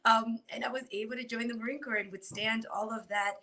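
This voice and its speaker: Female guest, middle-aged, from Ecuador, sincere and encouraging, halting conversational delivery. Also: on the high side, steady tone, sharp tone. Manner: earnest, repeats words as she restarts sentences. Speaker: guest, former Marine. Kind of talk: conversational interview.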